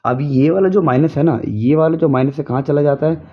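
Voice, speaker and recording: A man's voice: a little high, brisk. Young male tutor, casual home chemistry lesson, self-quizzing delivery, dull lo-fi sound. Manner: repetitive, drills students with rhetorical questions.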